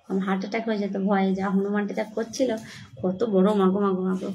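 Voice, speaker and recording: A woman's voice: mid-range voice, gravelly, darkish tone. A young woman, chatting casually to viewers on a livestream from her home phone, still shaken and scared. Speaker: livestream host.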